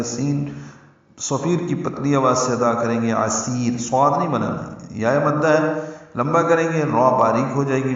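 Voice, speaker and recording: A man teaching the rules of Quran recitation, explaining letter by letter and breaking into slow chanted recitation. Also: medium pitch. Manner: explains letter by letter, then chants verses slowly. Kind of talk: tajweed lesson with chanted recitation. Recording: echoey, distant, dull audio.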